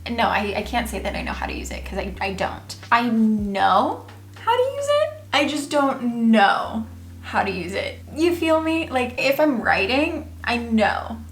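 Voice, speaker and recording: A woman's voice: a little high, very animated, soft background music. Chatty American woman in an echoey room. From United States. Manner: chatty, self-mocking, quick bursts of talk. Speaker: vlogger learning French. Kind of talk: casual chat to camera.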